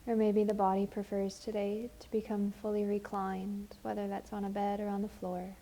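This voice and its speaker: There is slight background noise as a woman leads a guided meditation, her teacher's voice gentle and calming, with slow phrasing and lengthy pauses. She speaks in a mid-range monotone.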